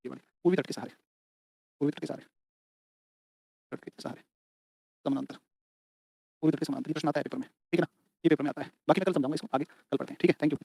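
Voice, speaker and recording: Male teacher, exam-prep lecture, repetitive dictation, slightly high voice, colloquial. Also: steady tone, fast talker, vocal fry, long pauses, a little mellow, husky, no echo, clean studio sound. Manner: repetitive, drills points for students to write down; colloquial, addresses students as beta and bhai.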